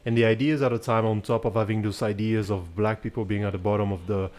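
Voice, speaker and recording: Born in Cameroon, this man moved to France at about age seven and now hosts a conversational podcast interview, earnest and reflective. His voice is on the low side and darkish, with fairly even intonation and a quick pace.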